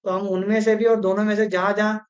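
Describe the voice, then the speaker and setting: Flat-voiced teacher slowly spelling out words. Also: medium pitch, muffled recording. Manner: slow, repetitive, spells out syllables; mixes English words into Hindi. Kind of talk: exam-prep grammar lesson.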